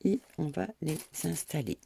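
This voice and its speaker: A woman's voice: sits low, normal speed, creaky, warm tone, slight background noise. A middle-aged woman talking her viewers through a sewing tutorial as she works, chatty and self-mocking, peppering her steps with "hop" and "voilà".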